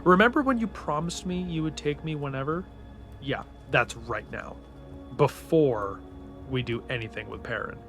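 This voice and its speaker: A man's voice: fairly high pitch, moderate pace, a bit bright, faint music behind. A man voicing a clever, headstrong young woman, speaking in a sly and insistent way.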